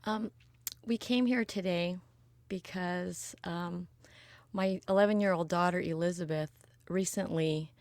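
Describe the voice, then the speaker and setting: A woman in her forties interviewing her father for an oral history recording, prompting him in a gentle, measured way. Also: lowish voice, no echo. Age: 40s. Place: quiet recording booth.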